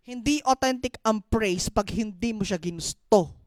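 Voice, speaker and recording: A Filipino woman preaching a sermon, mixing in English, calling out "Amen" and swinging from loud exclaiming to hushed storytelling. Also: mid-range voice, normal speed, no echo, clean studio sound. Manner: mixes English into her preaching, calls out "Amen".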